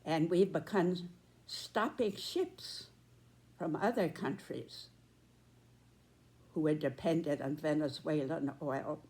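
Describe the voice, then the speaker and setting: A woman in her nineties giving a prepared political commentary, speaking deliberately and emphatically in short measured phrases. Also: deep voice, a little mellow. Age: 90s.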